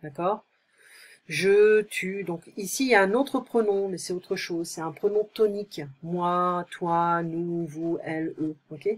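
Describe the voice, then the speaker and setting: A woman teaching in a recorded tutoring lesson, explaining slowly and checking in often with short questions. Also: on the low side. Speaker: French teacher.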